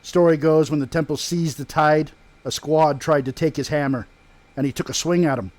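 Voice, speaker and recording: A man's voice: a little high, fairly even intonation, normal speed, darkish tone, natural voice. Male player as proud village smith for fantasy tabletop game; rustic speech, spins family legends like gossip. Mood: proud, amused. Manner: rustic dialect, storytelling like sharing gossip. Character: proud, folksy male blacksmith recounting family lore. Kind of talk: in-character tabletop role-play storytelling.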